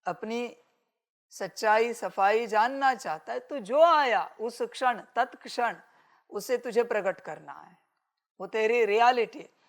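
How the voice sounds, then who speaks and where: A woman's voice: a little high, slow. A woman giving a spiritual discourse as a teacher, admonishing her listeners and calling them children.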